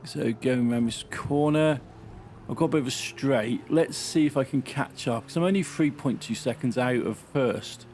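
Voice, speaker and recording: A man talks his way through a racing game in a casual, muttering running commentary. His voice sits at a middle pitch for a man. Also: normal speed, darkish tone, a little hiss or hum. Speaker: gaming channel host.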